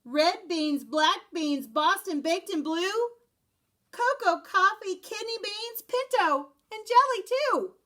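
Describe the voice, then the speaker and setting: A woman's voice: very high voice, lively intonation, takes it slowly, sharp tone, pitched above the performer's own voice, heavily acted. Woman doing a chattering little Chihuahua. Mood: eager. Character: small excited male Chihuahua sidekick, chatty.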